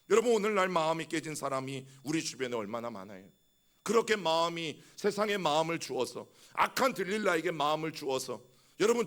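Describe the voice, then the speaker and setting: Delivering an impassioned sermon in a creaky voice on the high side, this middle-aged South Korean senior pastor addresses his congregation again and again. He also acts out heartfelt prayers aloud.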